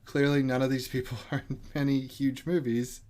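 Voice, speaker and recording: A man's voice: mid-range voice, flat delivery, moderate pace, a little mellow. A man co-hosting a movie podcast, rambling casually and swearing now and then. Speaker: podcast co-host.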